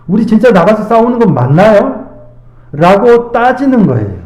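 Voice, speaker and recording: A male pastor giving a midweek sermon, earnest, asking rhetorical questions and reading scripture slowly. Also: sits high, mellow. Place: church sanctuary. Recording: echoey church hall, dull lo-fi sound.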